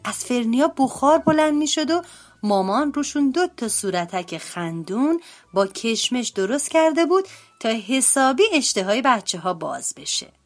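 A woman reading a children's storybook aloud as narrator, in an expressive, lively way. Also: a little high, faint music behind. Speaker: translator and storybook reader.

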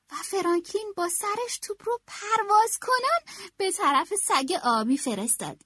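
A woman narrating a children's storybook, reading in an expressive, animated way. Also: very high-pitched, no room sound, clean studio sound. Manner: expressive, animated read-aloud.

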